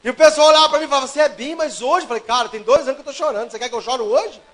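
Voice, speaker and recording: A preacher whose voice sits unusually high for a man. He tells a story from the pulpit, his delivery rising to loud bursts and dropping to near-hushed asides. It is a lively, conversational sermon. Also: very fast, rough recording. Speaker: pastor.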